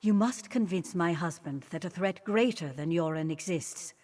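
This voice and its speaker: An actress voicing a dignified, shrewd fantasy queen in a video game, speaking in a formal, deliberate manner. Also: lowish voice, darkish tone, natural voice. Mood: grave, firm. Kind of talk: video game character dialogue.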